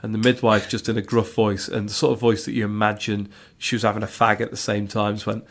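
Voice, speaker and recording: A man's voice: on the low side, flat delivery, fast. A man chatting candidly on a podcast, rambling through memories with plenty of fillers. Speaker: podcast co-host, father of two. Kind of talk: casual podcast chat.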